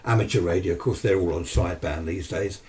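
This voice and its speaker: A deep, slightly mellow voice and a fast delivery mark this British amateur radio hobbyist. He rambles through an unscripted, chatty and matter-of-fact talk about his hobby. He's inside his home radio shack, and the mic sits far away amid noisy room sound.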